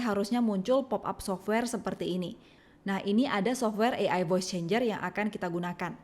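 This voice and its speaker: A woman with an Indonesian accent narrates a scripted software tutorial, laying out clear step-by-step instructions in a medium-pitched voice.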